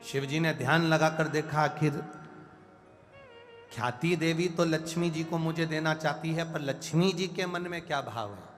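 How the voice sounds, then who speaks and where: A man's voice: a little high, moderate pace. A man from Madhya Pradesh, India, delivering a devotional sermon at a large live gathering, with emotional, dramatic storytelling and repeated invocations. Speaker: preacher of religious discourse. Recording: reverberant hall with music.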